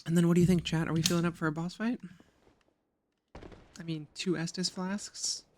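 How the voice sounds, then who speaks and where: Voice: medium pitch, fairly even intonation, normal speed, noisy background. Chatty streamer talking to the chat. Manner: chatty, joking, swears, addresses the chat. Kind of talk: casual gameplay commentary.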